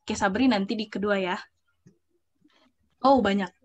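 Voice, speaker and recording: A woman's voice: medium pitch, a little slow, slightly rough, highs cut off. A young woman teaching a language class over a video call. She explains step by step, checks often whether students follow, and reads out example phrases. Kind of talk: online class lesson.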